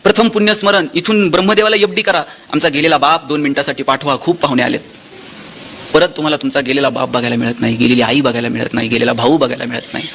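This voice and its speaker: A motivational speaker from Maharashtra, telling anecdotes and acting out the dialogue. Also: male voice, mid-range voice, quick pace, slight background noise. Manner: animated storyteller, acts out dialogue with shifting tone.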